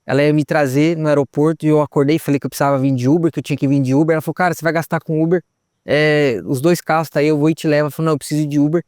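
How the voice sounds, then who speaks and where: A man's voice: fairly high pitch, fairly even intonation, racing, darkish tone, no echo, studio quality. A young man giving a personal testimony outdoors on a hilltop, retelling events and acting out the dialogue. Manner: retells events with quoted dialogue, says "cara" often. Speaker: testimony guest.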